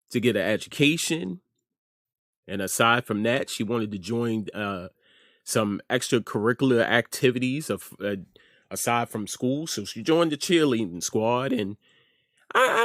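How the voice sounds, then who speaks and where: Speaking with a medium pitch and a slightly bright tone, a middle-aged American man hosts an informal opinion segment on his online news commentary show. He talks emphatically and repeats phrases for effect, recorded cleanly in a studio with no room sound.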